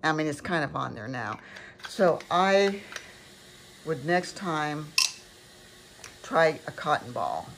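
In a clearly noisy home recording with clicks, an older woman demonstrates a craft in her kitchen, rambling, chatty and self-correcting. Her voice is low and very animated, yet she speaks slowly with long pauses.

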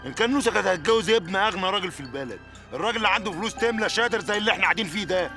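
An actor playing a distraught working-class brother blaming himself, in Egyptian Arabic. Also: male voice, high-pitched, animated, rapid-fire, over music. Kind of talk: TV drama acting.

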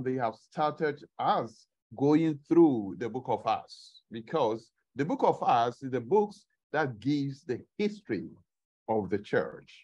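In a muffled recording from a rear camera, a middle-aged man preaches to a congregation gathered in a church meeting room. His voice is a little high with a darkish tone, and his unhurried delivery includes questions to those listening.

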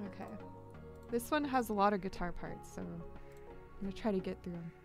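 A gravelly, mid-range female voice, brisk in pace, belongs to a young woman casually chatting with viewers on her live music stream. She talks close to a large boom-mounted studio mic in a small home studio, wearing headphones. Chatty and cheerful, she squeals her greetings to viewers.

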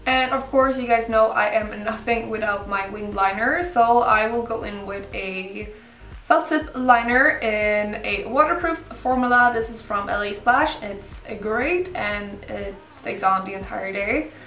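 A young woman casually talking through a makeup tutorial in an informal, unhurried way. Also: medium pitch, a bit bright. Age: young adult. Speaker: beauty vlogger. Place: indoor room set up for filming, backdrop. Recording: roomy, slightly distant mic, music behind.

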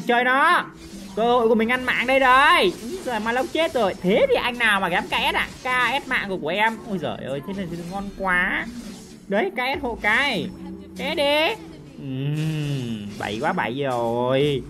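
A woman commentating on her own gameplay, excitable and full of loud, repeated exclamations. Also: fairly low pitch. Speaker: game streamer. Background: game music and sound effects.

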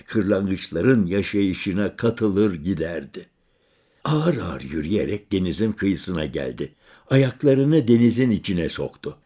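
A man narrating a literary story in the first person, calm and measured, lingering over lists. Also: on the low side. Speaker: audiobook narrator.

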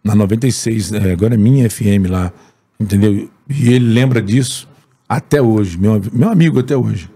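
A man's voice: fairly low pitch, moderate pace, breathy edge. A man with a Brazilian Portuguese accent, a comedian and impressionist, telling a story in a podcast studio and acting out every scene. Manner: animated, acts out every scene.

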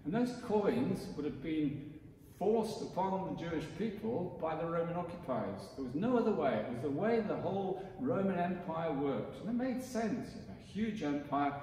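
A man's voice: a little high, animated, normal speed, warm tone, slight background noise. A man, a vicar giving a conversational sermon who acts out the voices in the story. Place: church. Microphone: distant mic. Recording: echoey church from far off.

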